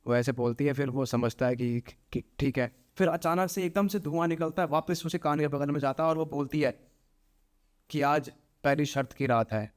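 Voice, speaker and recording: A young man appearing as a podcast guest tells a horror story with animated drama, repeating phrases and acting out voices. His voice is a little high, and he speaks at a normal speed.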